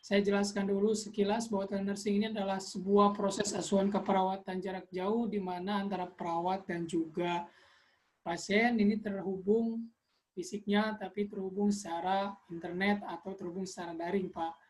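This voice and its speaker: A woman playing a telehealth nurse, speaking in a polite, explanatory customer service manner with halting repetitions. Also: mid-range voice, level tone, darkish tone, close to an everyday voice. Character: polite telehealth nurse taking a patient's call. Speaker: telenursing nurse in a practice role-play. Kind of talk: role-played customer service call. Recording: faint background noise.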